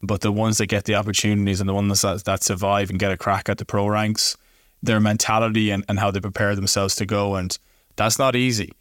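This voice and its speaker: A man's voice: lowish voice, level tone, brisk, fairly bright tone, no room sound, clean studio sound. A man with a west of Ireland accent, a kicking coach telling his story in interview style. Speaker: kicking coach, former pro kicker.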